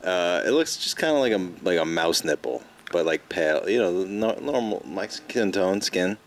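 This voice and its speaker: A man's voice: deep voice, expressive, moderate pace. A man co-hosting a comedy podcast, goofy and crude, laughing a lot and jumping into silly bits. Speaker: podcast co-host. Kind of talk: casual comedy podcast banter.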